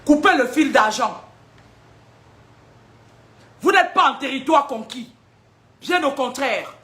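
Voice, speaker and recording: A woman preaches spiritual warnings in a high, sharp, bright voice. She is emphatic and combative, fires rhetorical questions at her listeners, and laughs often between points. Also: expressive, slow. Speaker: spiritual seer giving prophecies.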